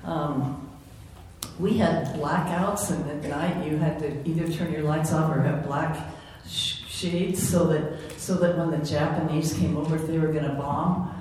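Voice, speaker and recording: A woman's voice: low voice, fairly even intonation, unhurried, a little mellow. An older woman earnestly recalling her wartime memories to a group. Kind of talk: casual storytelling to a group. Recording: very echoey room, faint noise.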